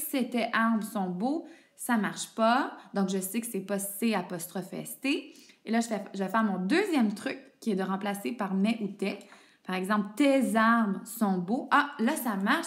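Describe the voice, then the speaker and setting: A woman's voice: mid-range voice, lively intonation, normal speed. A woman, patiently explaining spelling rules step by step to a student and spelling words out letter by letter. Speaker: teacher. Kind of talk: explaining French homophones to a student.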